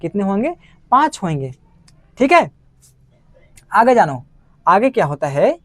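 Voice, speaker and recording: A man's voice: high voice, big pitch swings, measured pace, dry recording. A male teacher giving a grammar lesson, asking questions and answering them himself over and over. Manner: repetitive call-and-response questioning.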